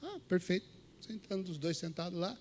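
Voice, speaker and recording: Man, Brazilian Portuguese accent, preacher, sermon story, slightly high voice, acts out dialogue. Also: normal speed, a little hiss or hum. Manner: animated storyteller, acts out dialogue and scripture reading. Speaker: missionary preacher. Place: church.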